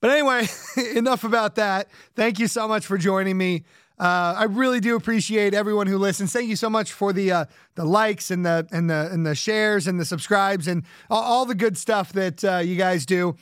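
A man's voice: high-pitched, moderate pace, fairly bright tone, clean tone, dry recording, clean studio sound. A man hosting a podcast, rambling casually with lots of fillers, joking about himself and laughing often. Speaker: podcast host.

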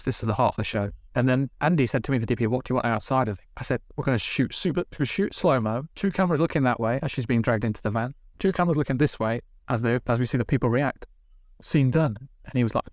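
A man, a TV director, telling animated casual stories on a podcast, swearing and acting out what people said. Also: medium pitch, no room sound, studio quality. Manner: animated, swearing, acts out dialogue. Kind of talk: casual storytelling. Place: podcast studio.

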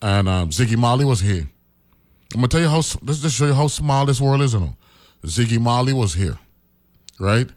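A middle-aged radio host from the Virgin Islands, speaking with a Virgin Islands accent, tells a story in casual commentary and keeps tagging his sentences with "right?". His medium-pitched, darkish voice is expressive and fairly quick, with frequent pauses.

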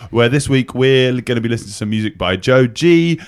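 Male radio co-host, Suffolk accent, animated intonation, casual banter. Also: mid-range voice, brisk, smooth.

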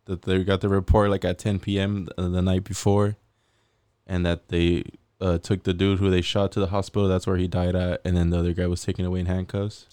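A young man in a casual podcast chat, reading news aloud in a flat mumble. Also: sits low, fairly quick, smooth, dry recording.

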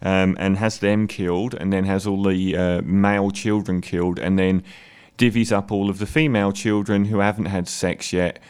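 A man's voice: low voice, flat delivery, moderate pace, a little mellow, clean tone. A man giving an opinionated, casual spoken film review, hesitating often with fillers.

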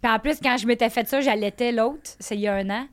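Animated Québécois woman, higher voice. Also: fast. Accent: Québécois French. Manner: animated, emphatic storyteller. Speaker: podcast guest. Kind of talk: casual chat.

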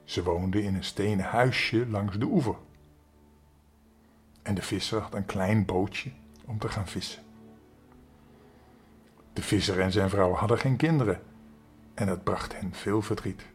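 An older man telling a storybook tale to young children, gentle and expressive, speaking to them directly. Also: fairly low pitch, unhurried, long pauses, breathy edge, soft background music.

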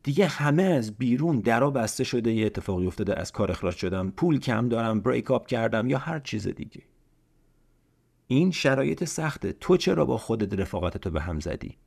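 A man's voice: mid-range voice, very animated, creaky, darkish tone, slightly rough. A man hosting a self-help podcast, talking earnestly and pleading with the listener, often repeating key lines and asking rhetorical questions. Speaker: podcast host. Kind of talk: motivational self-help talk.

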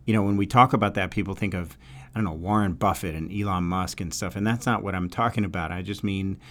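Male podcast host, New York accent, low register, casual and halting, thinking aloud. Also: fairly even intonation, a bit bright. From New York, USA. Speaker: podcast host giving dating advice to women. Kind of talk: casual solo podcast talk.

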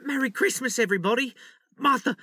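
An actor playing a kindly, poor clerk and father in a dramatized story, gentle and placating. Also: very high-pitched, fairly quick, slight background noise, full character voice. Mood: cheerful. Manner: gentle, warm-hearted and placating. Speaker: Bob Cratchit.

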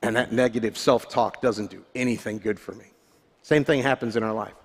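A man's voice: fairly low pitch, fairly quick. A male pastor giving a sermon, candid and self-deprecating, often restarting his sentences. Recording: long hall reverb.

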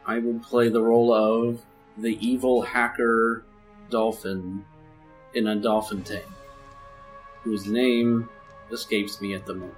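A man's voice: lowish voice, little pitch movement, slow pace, pauses often, soft background music, rough recording. A man playing in an improvised tabletop role-playing game, hesitantly feeling for his words. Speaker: role-play player. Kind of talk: casual improvised game chat.

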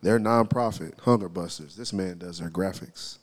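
Dry, teasing low-voiced man. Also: normal speed, crowd noise. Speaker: podcast co-host. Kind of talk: casual chat.

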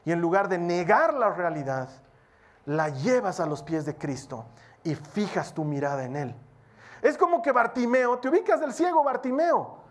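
A preacher giving a sermon in an earnest, exhorting manner, speeding up and slowing down for emphasis. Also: medium pitch, animated. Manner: acts out short quoted prayers and dialogue.

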